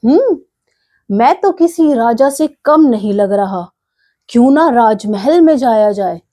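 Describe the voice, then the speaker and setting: A woman voicing a naughty, hot-tempered little male rat in a storybook tale, bossy and boastful, with slow sing-song threats. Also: fairly high pitch, animated, warm tone. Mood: cheeky, bossy.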